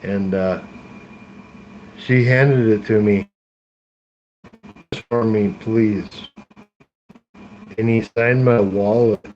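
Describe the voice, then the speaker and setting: A man's voice: lowish voice, fairly even intonation, slow pace, long pauses, lo-fi sound. Rambling man chatting on a livestream. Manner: rambling, talks to chat, many fillers and restarts. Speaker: live streamer. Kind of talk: casual rambling livestream chat. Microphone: tablet streaming via phone hotspot.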